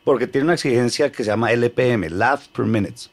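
A man's voice: medium pitch, a little fast. A man who is a comedian guest on a podcast, explaining and clarifying a point on behalf of his co-guest. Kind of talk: casual podcast conversation.

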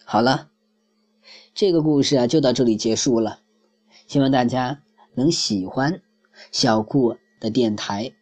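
A man narrating a bedtime story for children in a gentle, friendly way as host of his own audio channel. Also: mid-range voice, measured pace, long pauses.

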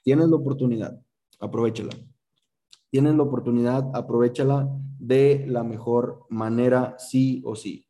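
A man's voice: mid-range voice, fairly even intonation, a little slow, mellow. A man giving a motivational speech to his sales team on a group call, emphatic and full of rhetorical questions, with some swearing.

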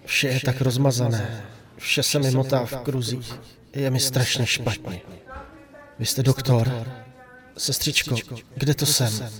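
A man's voice: medium pitch, steady tone, a bit bright, lightly acted. A man playing a sedated, despairing patient strapped to a hospital bed, speaking in a subdued, weary, grave audio drama monologue with a dry throat. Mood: confused. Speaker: hospitalized man telling his story. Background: faint background music.

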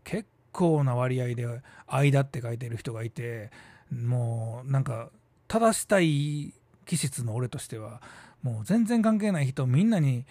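A man's voice: medium pitch, mellow, dry recording. A middle-aged man with a Kansai accent talking casually and musing aloud as the host of a solo talk show. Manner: chatty and musing, with quick asides and drawn-out hesitations. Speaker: theater troupe leader and podcast host.

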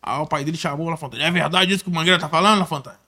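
A middle-aged man, a former music teacher telling an animated story on a casual podcast and acting out other people's lines. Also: fairly high pitch, rapid-fire.

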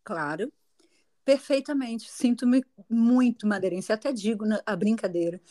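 A middle-aged Brazilian woman with a Brazilian Portuguese accent, a guest telling her story in a casual interview, chatty and quick to laugh. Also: fairly high pitch, dark tone. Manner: chatty, laughs often, restarts sentences.

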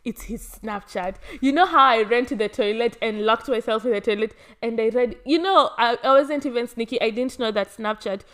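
A woman's voice: fairly high pitch, brisk, few pauses, fairly bright tone. A woman hosting a casual podcast, telling stories in an emphatic way and repeating phrases for effect. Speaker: podcast host. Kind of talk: casual chat, animated storytelling.

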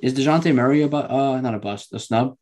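A man co-hosting a sports podcast who cuts in quickly and often fact-checks and corrects himself. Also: mid-range voice, darkish tone. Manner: quick interjections, self-correcting. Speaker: podcast co-host. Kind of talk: casual sports chat.

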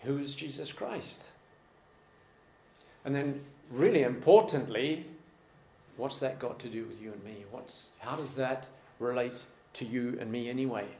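Earnest preacher in a roomy hall. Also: male voice, mid-range voice, unhurried, a little mellow. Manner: earnest, repeats himself for emphasis. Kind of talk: sermon. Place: room with a congregation.

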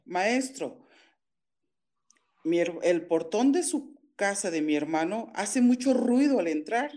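A woman's voice: medium pitch, lively intonation, takes it slowly, warm tone. A woman calling in, telling an upsetting family story in an agitated, indignant way with many restarts. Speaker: caller. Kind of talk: emotional phone-in account.

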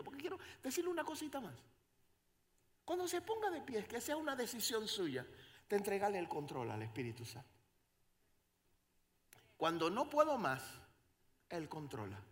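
In church, a male pastor with a very high voice delivers a sermon that alternates between hushed stretches and loud, dramatic outbursts.

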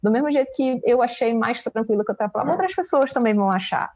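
A woman, a forensic expert and teacher, telling her story in an interview in a casual, animated way with many fillers. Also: fairly high pitch, fast, dry recording, muffled recording. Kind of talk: interview answers, personal story.

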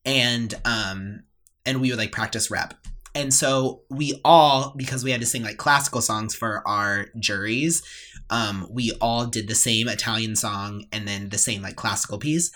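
A young woman co-hosting a podcast, chatting in a loose, rambling way with frequent laughter. Her voice has a bright, sharp edge. She tells stories casually and often breaks off mid-sentence. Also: very deep voice, a little slow. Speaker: podcast co-host. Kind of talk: casual chat.

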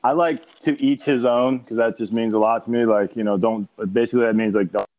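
A man's voice: mid-range voice, fairly even intonation, brisk, highs cut off. A man in his forties as an interview guest, talking in an easygoing, loose way. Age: 40s. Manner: easygoing, loose, laughs often. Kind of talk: casual interview chat.

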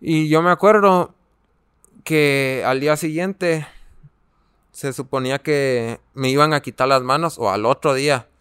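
A man's voice: on the high side, measured pace, a bit bright, clean tone, no echo, studio quality. Hesitant young Mexican man telling his story. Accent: Mexican Spanish. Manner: hesitant, searching for words with frequent fillers. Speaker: interview guest. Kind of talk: personal testimony in an interview.

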